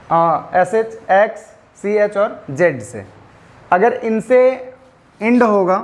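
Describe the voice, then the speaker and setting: A man teaches English grammar in a high-pitched voice. He spells endings out letter by letter and slows down on them. He keeps asking the class questions and answering them himself. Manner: spells out letters slowly, stresses pronunciation. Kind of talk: classroom lecture.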